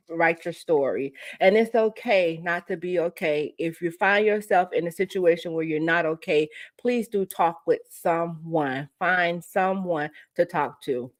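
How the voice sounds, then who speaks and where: A woman's voice: fairly low pitch, unhurried, hardly any pauses, dry recording. Upbeat woman hosting a live stream. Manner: upbeat, folksy, addresses viewers as y'all. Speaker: host. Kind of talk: live-stream talk show chat.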